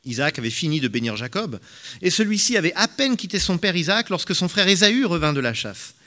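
A man narrating a Bible story in a steady, clear reading style. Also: sits high, fairly quick.

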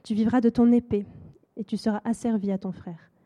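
A woman voicing a blind old patriarch who speaks in grave, measured pronouncements. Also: fairly high pitch, fairly even intonation, mellow, lightly acted. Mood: solemn.

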